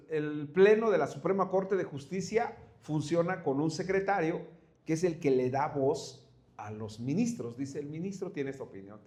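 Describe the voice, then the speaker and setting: A man's voice: on the high side, darkish tone. A man preaching a sermon, telling stories and asking the congregation rhetorical questions. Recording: echoey room.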